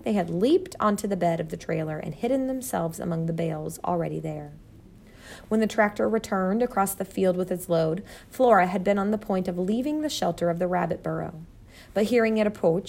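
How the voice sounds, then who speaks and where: A woman's voice: mid-range voice, expressive, a little fast, vocal fry, a little mellow. A woman narrating a children's storybook steadily. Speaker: audiobook narrator.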